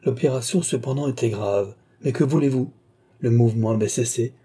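A man's voice: medium pitch, brisk, dark tone, husky. A man voicing a sardonic, scornful male surgeon in an audiobook, speaking in a mocking, argumentative way. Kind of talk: audiobook character voice.

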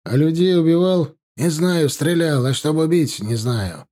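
A man's voice: a little high, moderate pace, dark tone, voice pushed up, close to an everyday voice. A man voicing a snapping young Chechen fighter. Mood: sullen. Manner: snapping, defiant, curt. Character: sullen hostile young male Chechen fighter.

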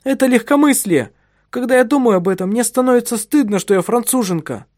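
A man's voice: lively intonation, normal speed, mellow, no echo, studio quality. A male narrator voicing a prim, frightened young French wife in a raised, pleading voice. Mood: shrill. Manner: high pleading voice rising to shrill cries.

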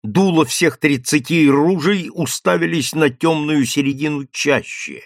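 A man narrating an audiobook in a steady, measured reading. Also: on the high side, vocal fry, dry recording, studio quality. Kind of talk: scripted narration.

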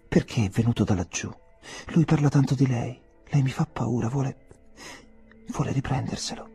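A man reading an audiobook who voices a frightened, passionate young woman, hushed and anxious and flaring into anger. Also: medium pitch, normal speed, husky, soft background music, voice pushed up. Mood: hushed fearful.

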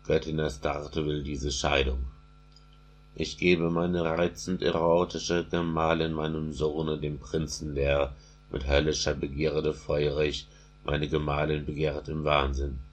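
A man voicing a doting, generous aging king in slow, solemn verse, with a husky voice. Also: rumbling low, little pitch movement.

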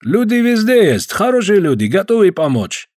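A man's voice: high voice, sing-song, moderate pace, darkish tone, no room sound, studio quality, pitched above the performer's own voice. A man voicing a pushy, effusive Georgian man with a strong Georgian accent who keeps calling everyone "dear". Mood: coaxing. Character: Georgian man, pushy, smooth then threatening.

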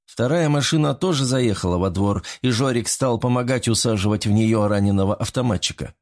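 A man narrating an audiobook in a steady, measured storytelling manner. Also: fairly low pitch. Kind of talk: scripted narration.

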